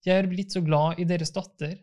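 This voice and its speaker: A man's voice: high voice, fairly even intonation, darkish tone, natural voice. A man reading the part of a pious older invalid lady who speaks formally and politely.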